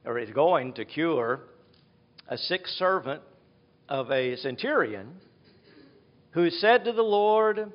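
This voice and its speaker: A man's voice: fairly high pitch, lively intonation, takes it slowly, pauses often, lo-fi sound. A man preaching an earnest, reflective sermon in a church, retelling scripture scenes. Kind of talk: expository sermon. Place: church with a screen behind him.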